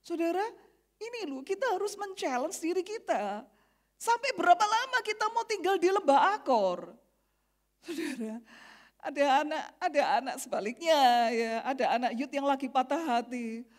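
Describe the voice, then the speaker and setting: A woman pastor, preaching a sermon with animated, emphatic repetition. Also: high voice, normal speed.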